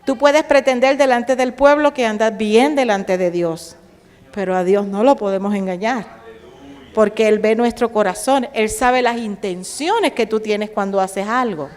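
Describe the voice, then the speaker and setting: A woman's voice: a little high, measured pace, a little mellow. A woman pastor with a Caribbean Spanish accent preaching a sermon, asking her congregation questions and slipping into sarcastic quoted voices. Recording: long hall reverb.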